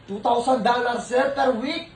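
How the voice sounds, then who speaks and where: A Filipino man vlogging a prank call, speaking halting broken English and laughing often. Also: very high voice, steady tone, loud music behind the voice. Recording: echoey room, far from mic, noisy.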